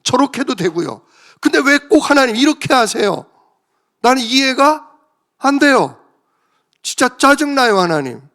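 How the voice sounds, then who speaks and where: A whiny believer, as a male pastor puts him on, grumbles and pleads in a voice pushed well above his usual pitch. The tone is petulant and sulky, with a gravelly edge. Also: very animated, normal speed, long pauses, a bit bright, exaggerated voice. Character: whiny adult believer complaining to God.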